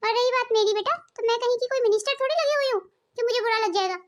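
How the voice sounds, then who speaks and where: Woman doing a kind humble mother-in-law, cartoon, very high voice, soft and reassuring. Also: fast talker. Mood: gentle. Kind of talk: cartoon voice acting.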